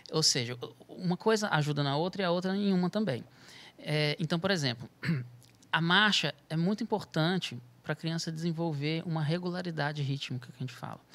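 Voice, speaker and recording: A music therapist on a podcast explains at length in a slightly high, somewhat bright voice with vocal fry. Thinking aloud, he keeps restarting phrases, adds tag questions, and now and then chants rhythm syllables to demonstrate.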